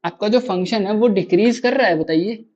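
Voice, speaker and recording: A man's voice: sits high, a little fast, darkish tone, muffled recording. Drilling, quizzing male maths teacher. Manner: quizzes students with constant rhetorical questions; repeats key answers to drill them in. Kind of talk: live online class lecture.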